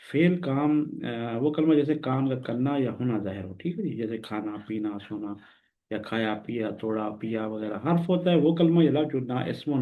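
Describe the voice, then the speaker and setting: Teacher man on a tinny phone-like recording. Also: medium pitch. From Pakistan. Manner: patient, explains step by step and repeats words slowly. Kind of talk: recorded grammar lesson.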